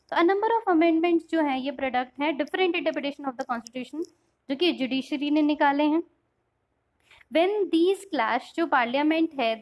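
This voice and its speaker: A young woman teaching with a high voice. She switches easily between Hindi and English and works through simple everyday examples, keeping a patient explanatory tone. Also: low-quality recording. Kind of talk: explanatory class lecture.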